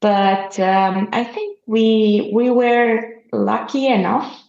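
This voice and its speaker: A woman's voice: fairly high pitch, slow pace, gravelly, darkish tone, muffled recording. Woman in an echoey room. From Albania. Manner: hesitant, modest, with fillers and restarts. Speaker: guest. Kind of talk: casual interview conversation.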